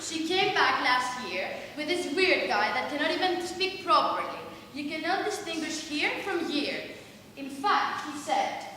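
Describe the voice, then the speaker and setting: An actress gives us a gossiping mother who scolds and frets in theatrical bursts. Her voice is very high and bright. It carries through a reverberant hall, caught by a distant camera with faint noise. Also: exaggerated voice. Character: gossiping scandalized mother of Sarah. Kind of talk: amateur stage acting. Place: small theatre stage. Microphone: far camera. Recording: echoey hall from far off.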